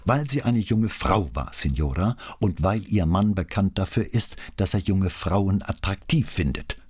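A man voicing a calm, coolly polite middle-aged police commissioner who wounds on purpose, in an audiobook. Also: sits low, a little slow, breathy edge, dry recording, clean studio sound, voice pushed up, full character voice. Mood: cold.

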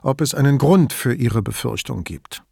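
A man voicing an older male police commissioner who speaks calmly and wryly. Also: medium pitch, normal speed, gravelly, husky, dry recording. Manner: calm, dry, wry. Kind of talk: audiobook character voice.

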